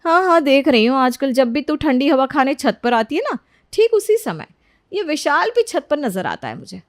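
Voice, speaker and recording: A woman's voice: big pitch swings, normal speed, no room sound, studio quality. A woman voicing a nosy, scheming younger sister-in-law in a cartoon story, questioning suspiciously. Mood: prying. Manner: very high, prying, suspicious.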